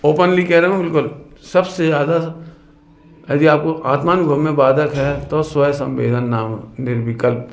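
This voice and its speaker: Lively preaching man in an echoey hall. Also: a little high, normal speed, vocal fry. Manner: lively, questioning, sometimes sings verse lines. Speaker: religious teacher. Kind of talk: sermon. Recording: echoey hall with some noise.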